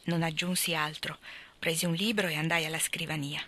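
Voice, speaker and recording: A woman reading a novel aloud in a measured, quiet narration, recorded on a close mic. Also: sits low, steady tone, dry recording. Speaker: audiobook reader.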